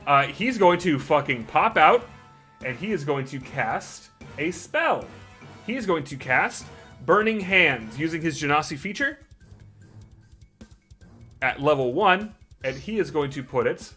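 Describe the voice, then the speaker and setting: Male game master, bright and slightly high voice, cussing his way through combat, faint music behind. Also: lively intonation, unhurried. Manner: brash and profane, explaining rules. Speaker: dungeon master. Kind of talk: narrating a tabletop game.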